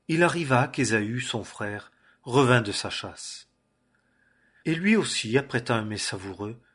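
A man reading a Bible passage aloud in measured, solemn phrases. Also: mid-range voice, a bit bright, breathy edge. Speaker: scripture reader.

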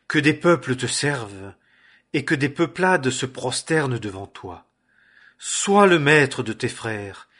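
A man reading aloud the part of an elderly patriarch father, in a husky voice. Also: mid-range voice, a bit bright.

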